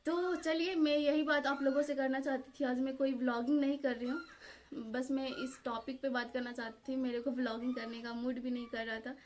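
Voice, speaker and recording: A woman vlogger from Jharkhand, India, speaks straight to the camera in a high, light voice. She talks earnestly and pleads, pausing often on fillers as she goes. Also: slight background noise. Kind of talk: casual direct-to-camera vlog.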